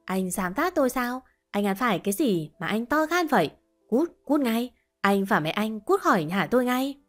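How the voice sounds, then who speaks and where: A woman's voice: medium pitch, very animated, moderate pace, faint music behind. A woman voicing a spiteful, scornful young wife. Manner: mocking, scornful.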